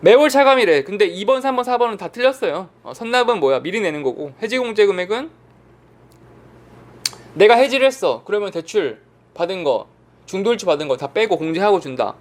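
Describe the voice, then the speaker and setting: A man lecturing for an online exam prep course, his voice sitting high and swinging widely up and down. He talks casually, throwing questions at the class and answering them himself. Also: fairly quick. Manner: animated, asks and answers his own questions. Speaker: insurance exam instructor.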